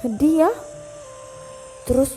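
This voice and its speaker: A young mother reads a folk tale aloud to her child, keeping it animated and interactive. Her voice is high and bright, and she often stops to check in with the listener. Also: slow, soft background music. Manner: animated, asks the child questions. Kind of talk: bedtime storytelling to a child.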